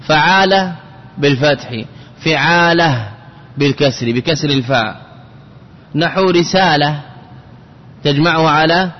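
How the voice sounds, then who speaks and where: Guy teaching grammar, slightly high voice, repeats every form, long hall echo, muffled lo-fi sound. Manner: repeats forms slowly, checks students with questions. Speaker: sheikh teaching Arabic grammar. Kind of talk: classroom grammar lesson.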